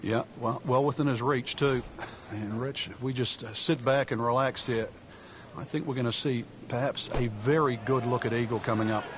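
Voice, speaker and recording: A man working as a golf commentator and analyst, explaining the course in a measured way. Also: mid-range voice, steady tone. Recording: dull audio, loud crowd and outdoor noise. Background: golf crowd and outdoor ambience.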